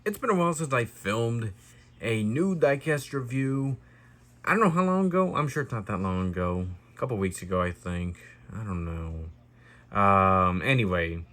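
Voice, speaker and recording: A man's voice: mid-range voice, lively intonation, moderate pace, fairly bright tone. A man hosting a casual hobby review video, talking in a rambling way that often gets sidetracked and corrects himself. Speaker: YouTube diecast reviewer.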